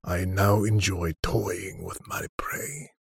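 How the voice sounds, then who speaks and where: A man voicing an arrogant older male killer with superhuman speed, speaking slowly with cold contempt. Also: sits low, flat delivery, creaky, slight background noise, full character voice. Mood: menacing. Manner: slow, contemptuous, menacing. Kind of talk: audiobook character reading.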